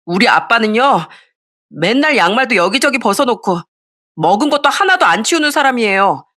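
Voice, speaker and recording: Brief: earnest young boy, blunt and protective, brightish pitch, played by a woman reader. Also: big pitch swings, normal speed. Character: eleven-year-old boy, blunt and protective. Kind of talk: audio story reading.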